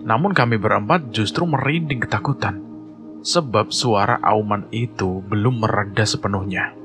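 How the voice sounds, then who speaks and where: A man telling a horror story in measured, suspenseful scripted narration, with music playing behind. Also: on the low side.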